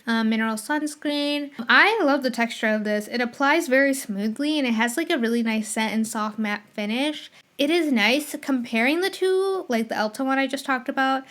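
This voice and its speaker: Female podcast host, slightly high voice, casual and chatty, mild lisp from a retainer. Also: fairly bright tone. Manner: chatty, rambling, corrects herself on the fly. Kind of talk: casual solo podcast chat.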